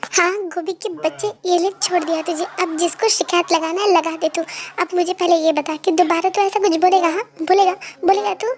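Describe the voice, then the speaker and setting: A woman doing a bossy, smug big brother, high voice. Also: fairly even intonation, fairly quick, slight background noise. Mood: threatening. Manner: scolding, threatening, mocking. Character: bossy older brother, hot-tempered and smug. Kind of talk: fan-dub voice acting.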